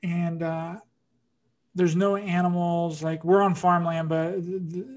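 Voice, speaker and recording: Male podcast host, fairly high and monotone, casual and rambling. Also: takes it slowly. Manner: rambling storytelling, many fillers and restarts. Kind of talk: casual interview chat.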